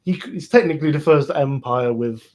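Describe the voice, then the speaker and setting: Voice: mid-range voice, fairly quick, a little mellow. A co-host casually chatting about a show, often trailing off and restarting sentences. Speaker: podcast co-host. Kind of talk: casual fan recap chat.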